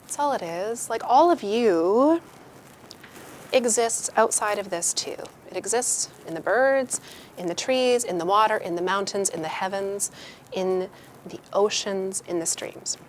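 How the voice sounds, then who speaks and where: A woman's voice: mid-range voice, unhurried, a little hiss or hum. A woman giving a casual motivational talk to a live group, candid and chatty, swearing freely and acting out the voices of people she quotes. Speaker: workshop speaker.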